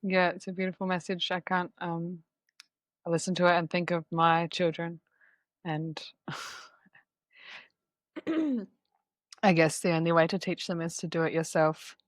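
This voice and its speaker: A woman's voice: lowish voice, measured pace, long pauses, no room sound. A woman hosting a podcast, speaking thoughtfully and hesitantly in casual conversation over a video call. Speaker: podcast host.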